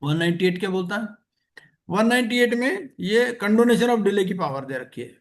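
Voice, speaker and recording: A man teaching an exam-prep lecture, reading legal text slowly and explaining it. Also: sits high, animated.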